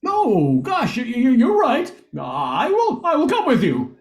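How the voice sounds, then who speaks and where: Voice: sits high, wildly swooping pitch, slow, roomy sound, full character voice. A performer voicing a timid, reluctant Cowardly Lion in an amateur radio play, nervous and stammering. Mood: nervous, yielding.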